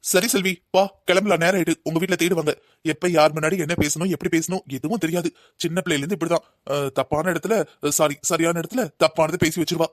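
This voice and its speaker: A patient young cartoon husband, voiced by a man, soothing and explaining at a quick clip. His voice is slightly high and dry, close to the mic. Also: steady tone, no room sound, lightly acted. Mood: calm. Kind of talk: cartoon voice acting.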